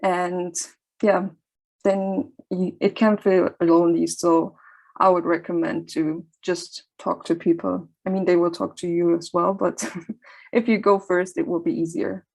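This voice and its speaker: Halting German woman with a gravelly voice. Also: on the low side, little pitch movement, a little mellow, poor audio. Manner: hesitant, halting, with restarts. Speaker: student panelist. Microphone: video call.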